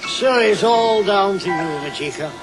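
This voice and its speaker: An actor putting on the voice of a gruff, sleepy old wizard chief in a TV comedy special, brusque and impatient. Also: male voice, high-pitched, animated, a little slow, over music, rough recording.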